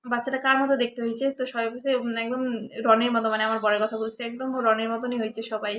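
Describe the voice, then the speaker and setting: Young woman vlogging, rattles on fast with lots of fillers and restarts, bit high voice, roomy echo. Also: little pitch movement, fairly bright tone, slight background noise. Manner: chatty, filler-heavy retelling with many restarts. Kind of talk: casual storytelling vlog.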